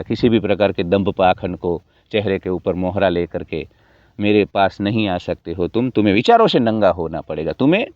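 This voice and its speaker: A man delivering a sarcastic, preachy motivational monologue, swinging between loud outbursts and low mutters. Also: dry recording. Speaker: motivational video creator. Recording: dull dry recording.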